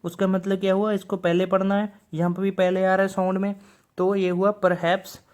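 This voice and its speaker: A man's voice: sits high, monotone, brisk, darkish tone. A man teaching a shorthand video lesson. He explains patiently and says each example word twice.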